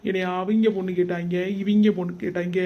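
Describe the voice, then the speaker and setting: A man's voice: high voice, little pitch movement, brisk, dull audio. A man voicing a manipulative young wife in a cartoon, sulking, fake-crying and snapping back. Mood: whiny. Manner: whiny, sulky, pointed retorts. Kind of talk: cartoon comedy voice acting.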